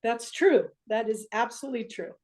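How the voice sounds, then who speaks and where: A woman's voice: on the high side, a little fast, a little mellow. An older woman from Iceland, a swim coach, talking reflectively in a chatty way with lots of fillers during an interview. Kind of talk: interview over video call.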